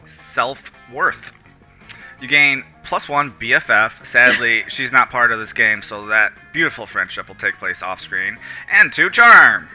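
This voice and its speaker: A young man reads a text game aloud on a stream, joking between lines and putting on goofy voices for the characters. His voice is very bright and forward, with faint music playing behind him. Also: mid-range voice, steady tone, measured pace. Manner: playful, joking, switches into silly character voices.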